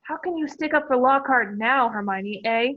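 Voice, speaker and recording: A woman's voice: a little high, normal speed, narrow, tinny audio, close to an everyday voice. A woman voicing a cheeky, chatty teenage schoolboy.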